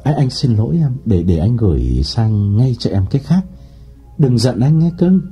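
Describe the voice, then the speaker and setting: An eager, smooth-talking suitor pleads and flatters down the phone, voiced by a man reading an audiobook. The voice is deep-toned, very dark and husky. Soft music plays underneath. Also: moderate pace. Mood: apologetic. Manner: pleading and fawning.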